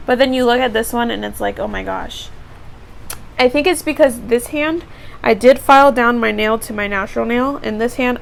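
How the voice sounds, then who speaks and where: A woman's voice: fairly high pitch, gravelly, a little hiss or hum. A teenage girl vlogger casually narrating each step of a beauty tutorial. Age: teens.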